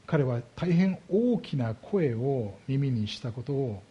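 A man's voice: mid-range voice, expressive, warm tone, slightly rough, lo-fi sound. A man preaching a sermon as a pastor, explaining scripture and asking his congregation rhetorical questions. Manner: slows down heavily on key words.

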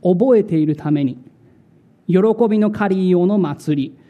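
High-voiced man preaching a slow sermon. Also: narrow, tinny audio. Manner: slow, dramatic delivery with emphatic repetitions. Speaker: pastor.

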